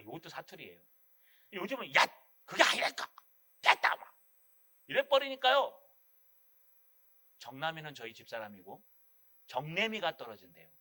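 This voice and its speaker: A male pastor with a Gyeongsang accent delivering an animated Sunday sermon, acting out quoted voices. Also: fairly high pitch. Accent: Gyeongsang dialect. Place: church sanctuary.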